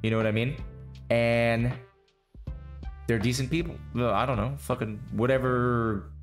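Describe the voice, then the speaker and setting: A man's voice: mid-range voice, steady tone, unhurried, faint music behind. Hungover man rambling on a podcast. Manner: rambling, profane, restarts often. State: hungover, slurring words. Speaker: podcast host. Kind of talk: casual chat.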